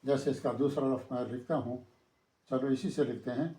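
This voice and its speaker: A man teaches a pronunciation class, saying each letter slowly and more than once. He stops to ask the class a question and then answers it, like he is writing on a board. His medium voice echoes around the room. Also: mid-range voice, fairly even intonation, mellow. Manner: writes on a board while explaining. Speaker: Quran reading teacher. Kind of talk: step-by-step letter pronunciation lesson. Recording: roomy echo.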